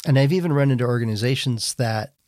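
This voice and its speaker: A middle-aged man hosting a podcast, talking in an animated, casual way and often breaking off mid-sentence. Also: medium pitch, fast talker, no echo, clean studio sound. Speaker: podcast host. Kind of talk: casual interview chat.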